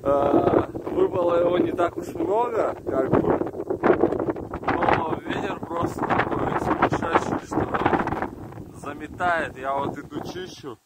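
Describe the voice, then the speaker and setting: Slow-talking man, wind blasting the mic. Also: a little high. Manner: unhurried, plain-spoken, talking against strong wind. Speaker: vlogger. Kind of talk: casual outdoor vlog chat to camera. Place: outdoors in windy snowy countryside.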